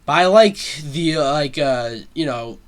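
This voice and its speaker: A man's voice: fairly high pitch, lively intonation, a little slow, clear, resonant tone. A man hosting a solo show, giving casual pop-culture commentary in a rambling way, with lots of fillers and frequent swearing. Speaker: solo talk show host.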